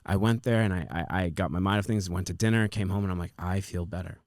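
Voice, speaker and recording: A man's voice: deep voice, fast talker, a little mellow, no echo, clean studio sound. A man in his twenties hosting a podcast, chatting casually and rambling with lots of fillers and swearing. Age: 20s. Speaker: podcast host.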